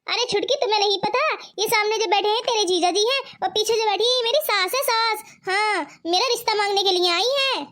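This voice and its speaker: एक औरत कार्टून में ज़िद्दी, तुनकमिज़ाज बड़ी बहन दुल्हन की आवाज़ देती है, तीखे ताने भरे जवाबों के साथ।. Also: female voice, extremely high pitch, brisk, hardly any pauses. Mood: stubborn. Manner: sharp, quarrelsome retorts. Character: stubborn plump elder sister, young bride. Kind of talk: cartoon voice acting.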